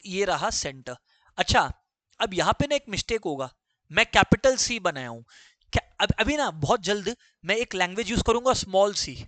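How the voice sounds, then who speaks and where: A man's voice: sits high, sharp tone, no room sound. A man teaching a maths lesson to students, repeating key phrases and firing questions at the class.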